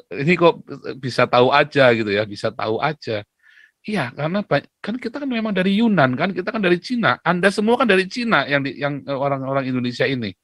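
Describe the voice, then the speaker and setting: A man's voice: high-pitched, bright, forceful tone, dry recording, clean studio sound. A man giving opinionated monologue commentary, driving his points home by repeating them and tagging them with rhetorical questions. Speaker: political commentator.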